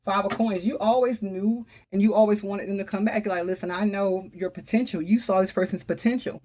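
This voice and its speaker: A woman's voice: mid-range voice, steady tone, fairly quick, mellow. Woman doing a chatty tarot reading, emphatic, keeps saying wow, talks right to her viewers. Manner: talks straight to viewers, calls on the Holy Spirit. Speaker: tarot reader. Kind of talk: casual spoken tarot reading.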